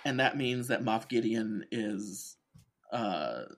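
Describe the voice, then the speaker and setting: A man's voice: fairly low pitch, lively intonation, takes it slowly. A man co-hosting a podcast, casually recapping with wry asides and many fillers. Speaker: podcast co-host. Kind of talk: casual chat.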